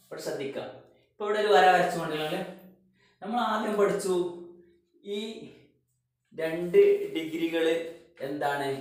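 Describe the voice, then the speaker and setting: A man's voice: a little high, distant mic. A man teaching a math lesson to schoolchildren, explaining step by step and asking questions that he answers himself, saying the English terms with a Malayalam accent. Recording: very echoey room.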